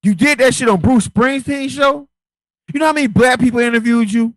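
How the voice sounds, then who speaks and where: A man's voice: very high-pitched, fairly quick, no echo, low-quality recording. A man co-hosting a casual political chat show, ranting emphatically with lots of repetition. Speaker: co-host.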